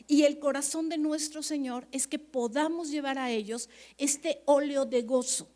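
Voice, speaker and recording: A woman pastor, preaching at a leaders' conference in an animated, chatty way, often checking that the audience agrees. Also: high voice, measured pace.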